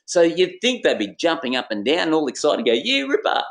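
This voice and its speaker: A middle-aged man, a business consultant, telling a case story to an audience in a theatrical way and acting out the dialogue. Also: fairly quick. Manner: lively, theatrical, acts out dialogue with swinging pitch. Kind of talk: animated storytelling presentation to an audience.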